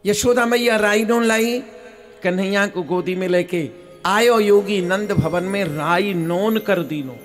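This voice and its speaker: A high-voiced man with a Braj accent tells a devotional story, sliding between slow spoken narration and sung, chanted verses. He speaks in a lively, sing-song way at an unhurried pace. Tabla and music play faintly behind him. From Braj region, India. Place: religious festival gathering.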